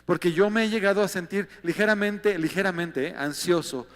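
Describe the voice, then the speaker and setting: A Mexican man preaching a sermon from the pulpit, his voice pitched high for a man. He speaks conversationally and keeps turning to the congregation with rhetorical questions. Long reverb trails each phrase, as if he is recorded in a large church hall. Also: a little fast. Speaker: pastor.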